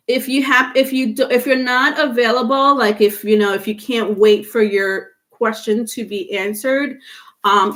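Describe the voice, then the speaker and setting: She's running a relaxed live tarot stream with a stuffy nose, talking with her audience and peppering her speech with fillers. There's no dedicated microphone, only the device mic, and her voice is a little high and a bit bright.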